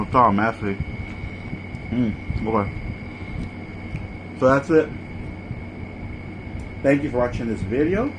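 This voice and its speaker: A man hosting a mukbang, giving a casual, informal food review while eating and repeating short verdicts. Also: mid-range voice. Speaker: mukbang host. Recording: clearly noisy background ambience.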